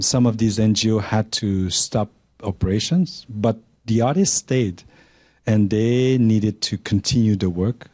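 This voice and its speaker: A man in his forties, born in Cambodia and raised in Canada, giving measured opening remarks on a panel with many fillers and restarts into a handheld microphone in a lecture room. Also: on the low side, dark tone, dry recording. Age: 40s. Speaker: panel speaker.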